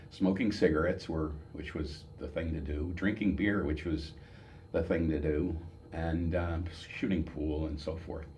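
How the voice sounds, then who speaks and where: Deep-voiced elderly American veteran remembering. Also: male voice, mellow, slight background noise. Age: 70s. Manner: halting, reminiscing, with pauses and repeated words. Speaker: military veteran giving an oral history. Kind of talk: old veteran remembering, unscripted personal storytelling.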